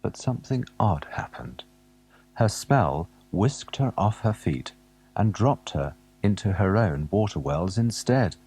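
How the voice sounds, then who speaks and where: A man narrating a children's alphabet storybook, gently asking the young listener questions as he goes. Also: fairly low pitch, big pitch swings, unhurried, breathy edge, faint music behind.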